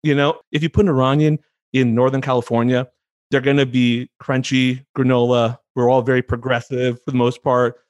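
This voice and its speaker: A man's voice: medium pitch, level tone, a little fast, no room sound, highs cut off. Field: chatty American man, dry close sound. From United States, San Francisco Bay Area. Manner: chatty, laughs easily, repeats words when starting a thought. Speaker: guest. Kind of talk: casual interview conversation.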